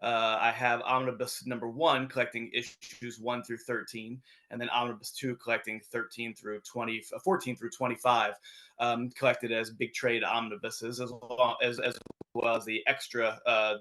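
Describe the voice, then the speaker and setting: A man's voice: medium pitch, level tone, moderate pace, sharp tone. A man being interviewed on a podcast about his comics, easygoing and hedging in casual chat. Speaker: comic book publisher.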